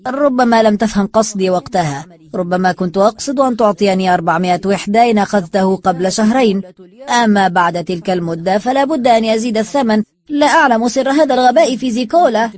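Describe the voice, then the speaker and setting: A reader voicing a sly, greedy man who taunts and talks down to others, in a raised, louder voice. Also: mid-range voice, quick pace, lightly acted. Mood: mocking. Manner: taunting, smug and condescending.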